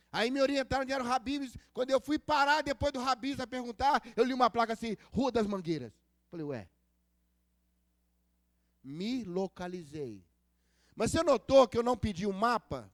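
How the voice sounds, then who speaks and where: A man's voice: very high-pitched, no room sound, studio quality. A male pastor preaching a sermon at a church service, telling stories and acting out the dialogue, and asking the congregation for responses. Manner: storytelling preacher who acts out dialogue.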